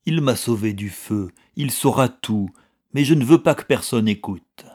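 A man's voice: medium pitch, expressive, measured pace, darkish tone, breathy edge. A man reading the lines of a dying peasant who is weak yet irritable. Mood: angry.

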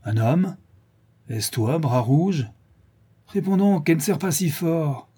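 A brutal male bandit fresh from the prison hulks, spitting slangy threats in a raised, husky voice. A man acts him out in a storybook reading. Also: on the high side, lively intonation, slow, mellow, voice pushed up, heavily acted. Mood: menacing.

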